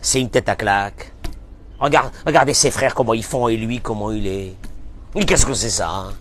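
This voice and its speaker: A man giving a sermon as a rabbi, impassioned, switching between loud bursts and soft murmurs and mixing Hebrew phrases into his French. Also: lowish voice, normal speed, slight background noise.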